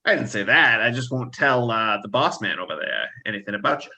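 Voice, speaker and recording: A man's voice: mid-range voice, sing-song, brisk, creaky, bright, forceful tone, exaggerated voice. A man voicing a sly, wine-loving male satyr who bargains hesitantly and keeps saying "uh".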